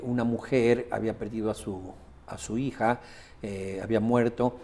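A man's voice: medium pitch, a little mellow. A man giving a coaching lesson, explaining step by step and guiding the listener through an imagined scene, with frequent hesitation fillers. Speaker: coaching instructor. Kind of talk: spoken lesson.

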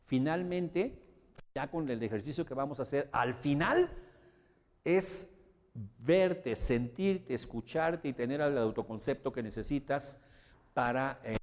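Man, motivational seminar instructor, emphatic, rhetorical questions, medium pitch, long hall reverb. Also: darkish tone.

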